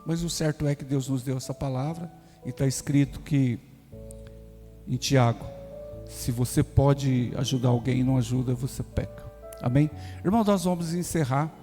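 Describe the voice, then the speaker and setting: A man's voice: medium pitch, moderate pace, dark tone. A man preaching in a church, telling a personal story and acting out what each person said. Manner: folksy storytelling with acted dialogue. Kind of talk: sermon testimony. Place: church sanctuary. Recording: reverberant church hall with music.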